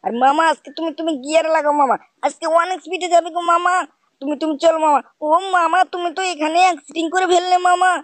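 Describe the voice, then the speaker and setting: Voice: extremely high pitch, fairly even intonation, fast, a bit bright, no echo, pitched above the performer's own voice. A gamer voicing a whiny little cartoon boy nephew who pleads with his uncle in every sentence. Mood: eager. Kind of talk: cartoon voice over gameplay.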